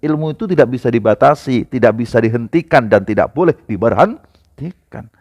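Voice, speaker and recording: A man's voice: lively intonation, a little fast, darkish tone. Emphatic preaching man. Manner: rises to emphatic high-pitched outbursts, addresses audience directly. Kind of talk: sermon.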